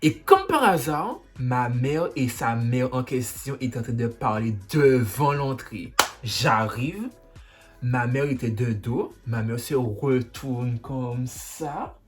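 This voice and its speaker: A man vlogger telling a storytime, his voice animated and jumping widely in pitch. He punctuates the tale with dramatic sound effects. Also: takes it slowly, faint music behind. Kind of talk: storytime vlog.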